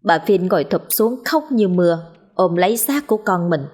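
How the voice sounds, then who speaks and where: A woman narrating a horror story in a steady, grave manner. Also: on the low side, moderate pace, slightly rough.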